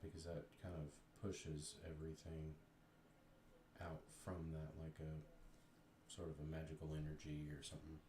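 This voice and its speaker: This man has a bass voice and speaks at a moderate pace while hosting a crafting stream. He chats casually and thinks aloud as he demonstrates resin pouring, in an echoey room with constant background noise.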